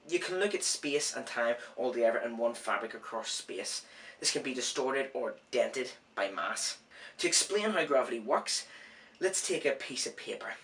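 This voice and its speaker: A man's voice: medium pitch, a bit bright, recorded from a distance. A man who says w for r, hosting an informal science explainer with self-mocking, rambling asides. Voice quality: cannot say R clearly, says w for r. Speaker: host of an educational science series. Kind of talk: informal science explainer, part scripted, part ad-libbed.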